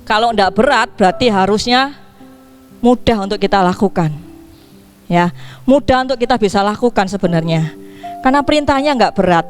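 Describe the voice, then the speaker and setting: A woman pastor preaching a sermon in a lively way, asking her congregation questions. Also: on the high side. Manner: lively, asks the congregation questions, acts out dialogue. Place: church.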